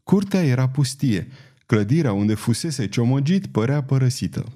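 A man narrating an audiobook in an expressive storytelling manner. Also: mid-range voice. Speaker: audiobook reader.

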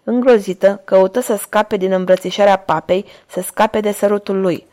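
A woman narrating a novel in a steady, measured reading voice. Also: medium pitch. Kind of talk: audiobook narration.

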